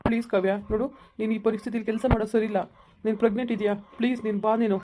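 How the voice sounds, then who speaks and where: A woman's voice: fairly high pitch, flat delivery, racing, mellow, close to an everyday voice. A woman playing a young married man who begs and stammers after losing his job, in a village skit. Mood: imploring. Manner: pleading, stammering.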